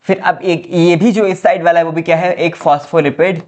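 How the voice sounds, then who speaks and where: Higher-pitched man teaching biology. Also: fairly even intonation, fairly quick, darkish tone. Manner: repeats questions and answers them himself, says "ठीक है" often; addresses students as "बच्चा". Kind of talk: classroom lecture.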